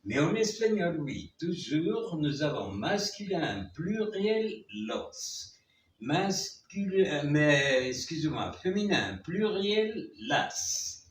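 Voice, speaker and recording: A man teaches a beginner lesson at a very slow, careful pace, repeating each word clearly. His voice sits fairly high and moves with lively intonation. The recording is very echoey and a bit distant from the mic, with faint noise behind him. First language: Spanish. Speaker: Spanish teacher. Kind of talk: language lesson.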